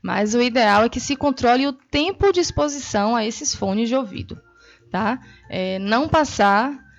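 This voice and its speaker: A woman's voice: on the high side, expressive, normal speed. Didactic woman speech therapist, lo-fi audio. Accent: Brazilian Portuguese. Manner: clear, didactic, reassuring. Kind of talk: explanatory interview answers. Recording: dull lo-fi broadcast audio.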